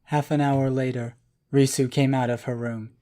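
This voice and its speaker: A man narrating a children's storybook in a calm, even voice. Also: medium pitch, normal speed.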